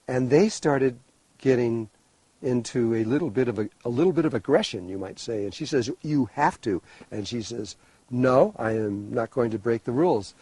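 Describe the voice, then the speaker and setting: Husky, warm-toned man telling a story. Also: mid-range voice, moderate pace, no echo, low-quality recording. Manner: rambling, animated storytelling with restarts. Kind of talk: storytelling talk.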